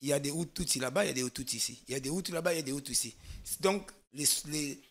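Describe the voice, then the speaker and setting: A Congolese man with a rather high, rapid-fire voice appears as a guest expert on a political talk show. In this studio discussion he explains at length, stressing his points and often restarting his sentences.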